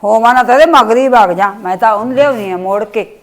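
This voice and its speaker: A woman's voice: a little high, quick pace. A woman playing an aggrieved mother who pleads and complains in a family drama skit. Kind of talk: village family drama acting.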